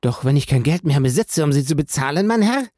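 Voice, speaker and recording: A man's voice: fairly high pitch, animated, normal speed, darkish tone, no room sound, clean studio sound, voice pushed up. A man reading an audiobook and voicing a panicked, greedy banker held prisoner, who pleads and bargains in frantic outbursts. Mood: desperate.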